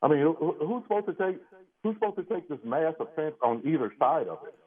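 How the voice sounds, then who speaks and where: A man's voice: fairly high pitch, lively intonation, brisk. A man calling in to a radio show over a phone line. He is eager and often restarts his sentences. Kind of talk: call-in chat with the host.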